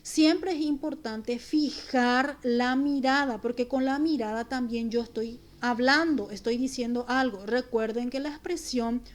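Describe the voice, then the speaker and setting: A woman teacher, giving a recorded class in a clear, deliberate way with examples. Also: a little high. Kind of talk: recorded remote class lesson.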